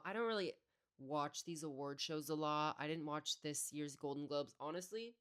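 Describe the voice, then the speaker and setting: A young woman with a notably low voice hosts a casual podcast on her own. She rants with high energy, swearing freely and tossing in fillers as she goes. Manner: energetic, profane, ranting with frequent fillers. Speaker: podcast co-host, hosting solo. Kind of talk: casual solo podcast rant. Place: indoor room decorated with flowers.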